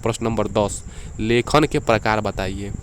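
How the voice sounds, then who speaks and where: A man's voice: on the low side, normal speed, slight background noise. A man giving an exam-prep lecture, explaining answers step by step, repeating key terms and asking rhetorical questions. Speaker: teacher.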